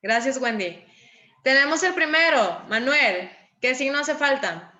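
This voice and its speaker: A woman teacher giving a class, patient and encouraging, calling on pupils and reading examples with clear intonation. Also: high voice, animated, measured pace, sharp tone, highs cut off. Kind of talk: online class lesson.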